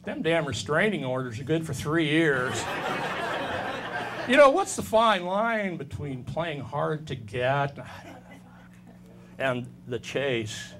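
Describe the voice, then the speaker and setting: A man in his fifties works through a stand-up set on a club stage, firing off dry, self-deprecating one-liners. His voice sits a little high for a man. Faint room noise hangs behind him. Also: very animated, takes it slowly, long pauses. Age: 50s. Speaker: stand-up comedian.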